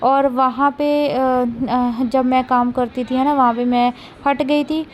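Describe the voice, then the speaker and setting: A woman's voice: sits high, level tone, slow pace, slight background noise. A woman vlogging casually at home about her day as a mother, talking in a rambling way with frequent tag questions. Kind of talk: casual chatty daily vlog.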